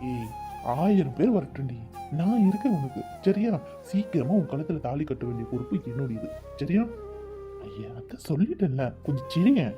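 A woman's voice: deep voice, sing-song, moderate pace, lo-fi sound. A woman voicing Kathir, a playful, devoted young man in a cartoon, coaxing, teasing and protective. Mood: reassuring. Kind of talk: cartoon voice acting. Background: background music.

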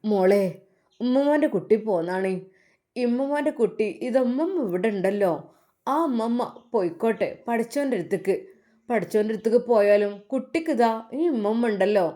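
Woman as a gentle consoling grandmother. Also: a little high, moderate pace, natural voice. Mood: soothing. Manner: soothing, coaxing. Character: tender grandmother comforting a child.

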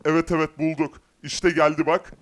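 A man voicing a fatherly, reassuring rich man in a cartoon game parody, brisk in manner. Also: on the high side, level tone, heavy background noise, close to an everyday voice.

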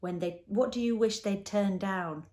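A woman voicing a pompous, blustering middle-aged male doctor in a storybook reading, declaiming slowly. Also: medium pitch, mellow, natural voice. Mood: questioning.

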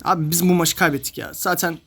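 A man's voice: on the high side, fairly even intonation, fast talker, gravelly, fairly bright tone. A young man talks over his own mobile gameplay in a casual, running commentary. He keeps ranting in exasperation at his teammates, sighing and scolding as the match goes wrong. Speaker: mobile game streamer.

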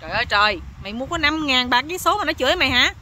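A woman's voice: high voice, animated, racing, bright, forceful tone, a little hiss or hum. A woman voicing a nosy, bossy older village man who scolds and exclaims, with a Southern Vietnamese accent. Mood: scolding.

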